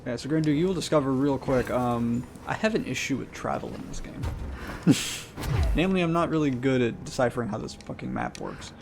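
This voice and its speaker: A man's voice: mid-range voice, very animated, a little fast, noisy background. A man casually chatting while playing a video game on a live stream, laid-back and swearing now and then. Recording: game music loud behind voice. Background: game music.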